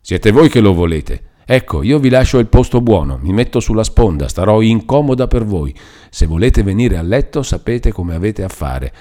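A man's voice: fairly low pitch, very animated, normal speed, dark tone, pitched above the performer's own voice. A man reading aloud and voicing a grumbling, resentful old woman who scolds and coaxes a frightened girl. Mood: grudging.

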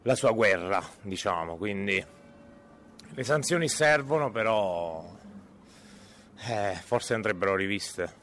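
A man with a low voice answers a street interview. He speaks in a measured, slightly hesitant way, with faint ambient noise behind him. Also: expressive, a bit bright. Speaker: passer-by interviewee. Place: outdoors on a street.

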